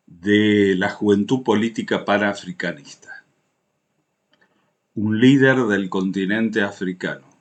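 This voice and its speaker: An Argentine man hosting a political video, giving patriotic commentary to viewers in solemn, emphatic oratory with short deliberate phrases. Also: on the low side. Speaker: political interview video host.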